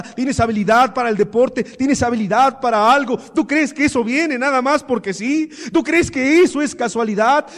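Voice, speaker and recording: A man with a Colombian Spanish accent preaches a sermon in a notably high voice. He shifts between soft, hushed teaching and loud, impassioned passages. He keeps pressing his listeners with rhetorical questions. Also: long reverb tail. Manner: repeats rhetorical questions to the congregation.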